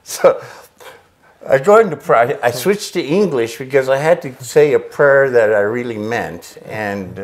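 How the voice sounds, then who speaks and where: This older man, a missionary who grew up in Chile, speaks in a mid-range voice that is animated yet a little slow. Telling his story in a casual interview, he acts out his reactions and laughs along. The setting is an indoor workshop with a pegboard wall, with a lapel mic.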